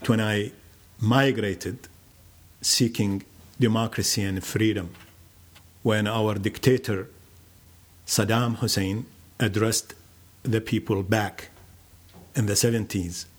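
An older man recalls his own life in a low, unhurried voice. He speaks very slowly and reflectively, stopping often between phrases as he tells his story. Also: fairly even intonation. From Iraq. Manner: slow, measured, reflective with many pauses. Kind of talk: personal storytelling.

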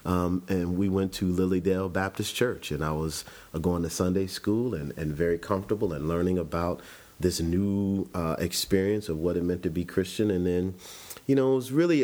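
Guy in his 40s, from chicago, kinda low voice, reflective chatty interview, restarts a lot. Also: darkish tone. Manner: reflective, conversational, with frequent restarts. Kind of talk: personal life-story interview.

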